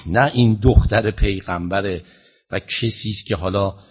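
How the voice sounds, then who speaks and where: A man preaching a sermon, telling a story slowly and with emphasis, and questioning the listeners directly. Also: husky. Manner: slow, emphatic retelling with rising pitch and loudness.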